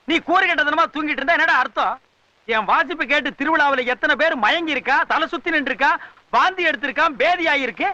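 A man's voice: very high-pitched, muffled recording, background noise. An actor playing a boastful, bossy drum player who scolds and mocks his sleepy partner in a film comedy scene. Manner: pompous, scolding, sarcastic. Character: boastful middle-aged male drummer, bossy and scolding. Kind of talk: 1980s-90s Tamil film comedy dialogue.

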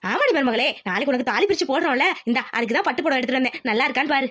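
A woman voicing a bossy, scheming village mother-in-law in a cartoon, talking quickly and insistently. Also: high voice, lively intonation, a bit bright. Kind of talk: cartoon voice acting.

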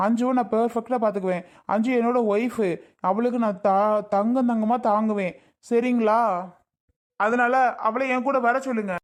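A man's voice: very high voice, steady tone, moderate pace. A man voicing a jealous young ex-husband in a Tamil cartoon drama, insistent and self-justifying as he tries to win back his wife. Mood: pleading.

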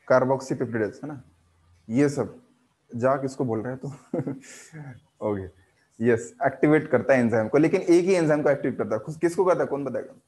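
A man teaching a live online biology class, quizzing his students with quick questions. He mixes English terms into his talk, repeats key words and keeps a teasing, encouraging manner. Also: mid-range voice, a little mellow.

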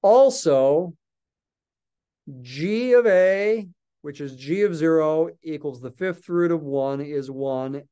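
An older man teaches a recorded calculus lesson, explaining step by step and thinking aloud while he writes. His voice sits a little high for a man, yet it is mellow and smooth. He talks into a desk mic in a small office. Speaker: math lecturer.

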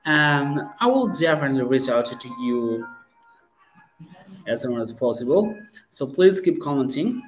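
A young man hosts a live interview on a video call, talking in halting bursts full of "uh" fillers as he asks questions and pleads with viewers to share. His voice sits at an ordinary middle pitch, and clear music plays behind him. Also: sing-song, low-quality recording. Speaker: host and teacher. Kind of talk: live-streamed English practice interview. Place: home room with starry painted wall. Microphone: webcam on video call.

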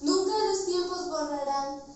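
Echoey, high-voiced Mexican girl declaiming poetry grandly. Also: measured pace, darkish tone. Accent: central Mexican. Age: teenager. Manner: solemn, theatrical, declaimed projection. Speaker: student reciter. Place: indoors, bare tiled-floor room. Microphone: far camera. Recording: distant mic, very echoey room, faint noise.

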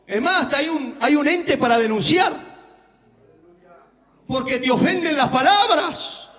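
Male evangelist, very high ringing voice, fiery shouted sermon style. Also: animated, unhurried, big-room sound. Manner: fiery, shouting, peppered with hallelujahs. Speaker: evangelist preacher.

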